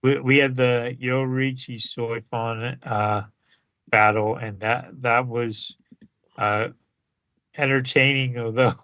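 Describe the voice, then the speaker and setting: A man co-hosting a podcast in casual chat, halting and full of fillers, chuckling now and then. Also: medium pitch, steady tone, pushed and bright, no room sound, muffled recording. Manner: halting, many fillers and restarts, chuckles often. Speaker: podcast co-host.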